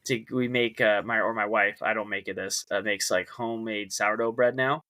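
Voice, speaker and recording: A man's voice: fairly low pitch, steady tone, normal speed, bright, forceful tone. A man in his thirties co-hosting a casual podcast, rambling and self-deprecating, often restarting his sentences. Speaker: podcast co-host. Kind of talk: casual chat.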